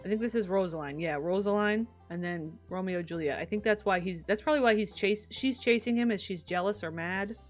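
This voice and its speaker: A woman streamer giving casual, musing commentary on a life-simulation game, chatty and quick to giggle. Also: mid-range voice, soft background music.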